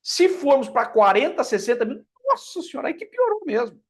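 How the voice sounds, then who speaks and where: A man's voice: very high-pitched, very animated, a little fast. A man with a Brazilian Portuguese accent giving an emphatic, conversational fitness lesson, often checking in with his listeners. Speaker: fitness teacher. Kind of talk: explanatory lecture.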